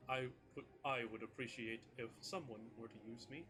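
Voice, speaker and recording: A man's voice: medium pitch, a little fast, music in the background, lightly acted. A man voicing a sentient male sword that speaks in a stiff, formal, literal-minded way, over a video call. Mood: stiff, solemn.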